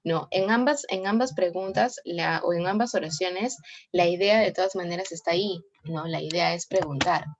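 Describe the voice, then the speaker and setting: A woman's voice: on the low side, moderate pace, dull audio, slight background noise. Woman teaching, tagging "¿no?" often. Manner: frequent tag "¿no?" and self-corrections. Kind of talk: explaining sentence types in a class.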